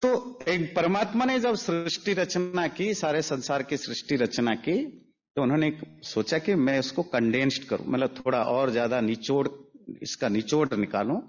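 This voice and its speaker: A man's voice: mid-range voice, moderate pace, breathy edge. Emphatic man giving a spiritual lecture. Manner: mixes Hindi with English phrases; emphatic, explanatory. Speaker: religious teacher. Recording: dull lo-fi audio.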